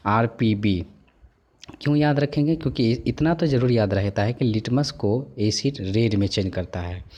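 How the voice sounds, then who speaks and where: A man's voice: mid-range voice, moderate pace, a little mellow. A male teacher explaining memory tricks to students, repeating key points and asking and answering his own questions. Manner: repetitive, coaxing, asks and answers own questions.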